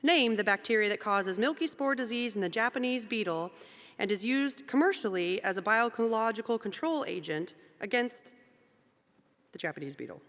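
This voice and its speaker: A woman's voice: a little high, lively intonation, moderate pace, a bit bright. A woman moderating a quiz competition, reading questions aloud and joking between them, in a large event hall. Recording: long hall reverb.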